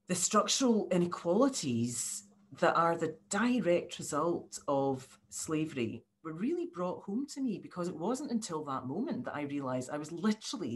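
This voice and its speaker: An older Scottish woman with a low-pitched, earnest voice, a university professor, gives informal remarks as a panel speaker at an online launch. She's indoors in her living room at home, speaking over a video call.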